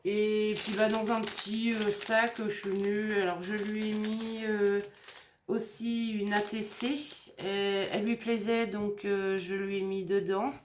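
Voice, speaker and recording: A woman from Normandy in France, casually showing her handmade crafts in a gentle, hesitant way with many fillers. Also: medium pitch, level tone, a little slow. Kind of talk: casual craft show-and-tell. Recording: roomy echo, faint background noise.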